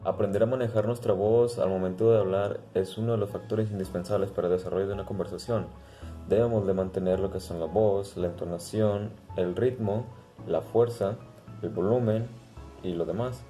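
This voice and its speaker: A man giving a class presentation, halting at times with pauses and restarts. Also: lowish voice, steady tone, mellow, faint music behind. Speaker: student presenter.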